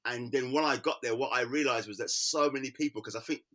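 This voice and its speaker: Man, London accent, middle-aged, quick talker, bright forceful tone, lively storyteller. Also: medium pitch. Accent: London English. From Britain. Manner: animated storyteller, acts out quoted voices with laughter. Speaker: artist guest. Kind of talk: casual conversation.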